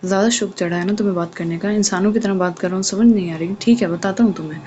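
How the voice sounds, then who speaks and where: A woman's voice: medium pitch, mellow, lightly acted. A woman voicing a cold, domineering young mafia man who speaks bluntly and with threats, on a dull lo-fi recording with faint hiss. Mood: menacing.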